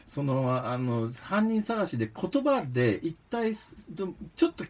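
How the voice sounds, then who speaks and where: Lively, teasing man radio host. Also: a little high, unhurried. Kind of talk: casual radio talk. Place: radio studio.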